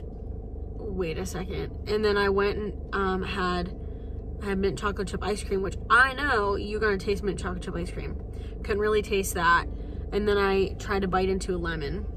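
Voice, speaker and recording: A young adult woman talking casually to her vlog, sounding congested and slightly wheezy, haltingly repeating phrases as she gathers her thoughts. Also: medium pitch, rough recording. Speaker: vlogger. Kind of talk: personal vlog, casual confessional chat.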